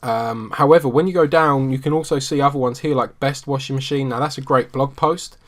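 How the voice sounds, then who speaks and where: A man's voice: medium pitch, fairly quick. Man in a mid register, easygoing screen-share walkthrough with plenty of ums. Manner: relaxed, conversational, frequent ums. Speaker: SEO marketing instructor.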